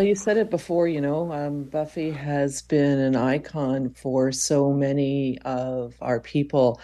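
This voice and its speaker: A woman speaking as a panel guest, thoughtful and halting, with emphatic bursts. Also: a bass voice, mellow. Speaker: interview guest, author and columnist. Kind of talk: reflective radio panel conversation.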